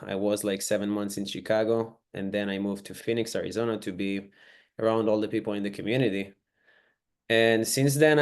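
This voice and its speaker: Man, 20s, Israeli accent, low-ish voice, eager chatty guest, video call. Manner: eager, non-native phrasing with fillers. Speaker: guest, real estate investor. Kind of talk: casual podcast interview.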